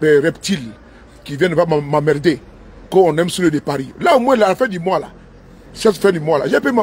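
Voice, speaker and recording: A man with a notably high voice rambles on in a loose livestream monologue, repeating himself and drifting into broken English. He is recorded on a phone inside his car while the engine runs, with a faint hum of noise behind him. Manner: repetitive, talkative, mixes in broken English. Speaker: live streamer.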